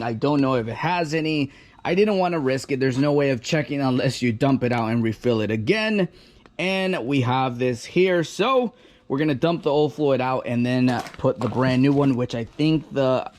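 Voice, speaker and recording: A hoarse young man losing his voice, chatting excitedly as he works on his car and takes it for a drive. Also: medium pitch. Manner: excited, chatty, shouting over engine noise. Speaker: car vlogger. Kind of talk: casual garage vlog.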